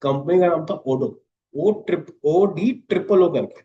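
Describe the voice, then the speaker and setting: A man's voice: a little high, unhurried. Candid young man, lo-fi recording. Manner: candid, animated anecdotes with frequent "theek hai". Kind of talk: casual storytelling.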